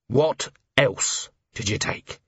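A man reading aloud and voicing a patient police commander who questions kindly and gently. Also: slow pace, no echo, dull audio, natural voice. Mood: gentle.

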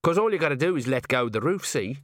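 A man's voice: medium pitch, sing-song, fast, fairly bright tone, no room sound, studio quality, pitched above the performer's own voice. A man voicing a tiny, cocky male gnome rat catcher, breezy and matter-of-fact. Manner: cheerful, matter-of-fact, laconic.

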